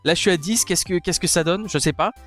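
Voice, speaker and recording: A man's voice: sits high, quick pace, a bit bright, soft background music. A man casually reviewing a headset, talking through a headset mic in a crude, joking, rambling way. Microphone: gaming headset mic.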